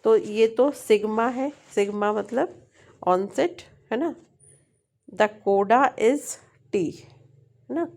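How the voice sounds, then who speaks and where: A woman with an Indian accent teaching a linguistics tutorial, switching between Hindi and English, reading definitions slowly and often checking in with her students. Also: fairly high pitch, a little mellow. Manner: frequent checking tag questions. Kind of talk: explaining at a board in mixed Hindi and English.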